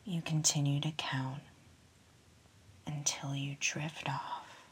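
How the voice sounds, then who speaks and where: Very slow whispering woman. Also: deep voice, little pitch movement, a little hiss or hum. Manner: soft unvoiced whisper, very slow and soothing. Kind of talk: whispered sleep story.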